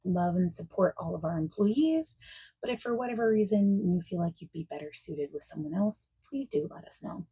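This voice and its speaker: A woman takes on the role of a warm, obliging party planner in a gentle ASMR roleplay, her mid-range voice a bit rough and slipping into near-whispers. She chats casually and reassuringly, stopping for replies that aren't heard. The recording is rough, with faint noise and keyboard typing and clicks.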